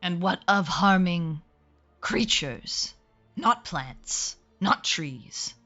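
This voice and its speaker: A woman plays a territorial wolf in a tabletop game, solemn and challenging. The wolf voice comes in slow, growled, deliberate phrases, slightly muffled, with music underneath. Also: on the low side, lively intonation, bright, forceful tone, full character voice. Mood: testing, demanding. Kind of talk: tabletop game role-play.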